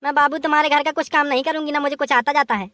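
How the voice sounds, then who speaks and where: A woman's voice: sits high, steady tone, racing, a bit bright, no room sound. Woman voicing a whiny dramatic cartoon bride. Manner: whiny, theatrical wailing exclamations. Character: lazy grumbling young bride, dramatic complainer. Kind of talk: comic cartoon dialogue.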